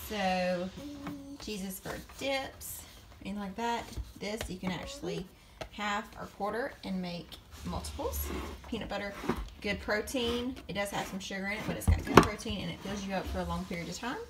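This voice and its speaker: A young woman talking through her pantry in a casual home vlog. She sounds chatty and practical, trailing her advice with ums. Steady background noise sits under her voice. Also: medium pitch, normal speed. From American South. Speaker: vlogger. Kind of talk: casual grocery haul vlog. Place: home kitchen, indoors.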